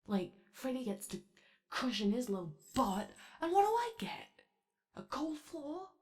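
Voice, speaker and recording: A woman voicing an excitable, gentle animatronic sun attendant who rambles hesitantly and chattily in an ASMR comfort roleplay. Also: high-pitched, measured pace. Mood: mock indignant. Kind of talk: ASMR character roleplay, improvised-sounding comfort monologue.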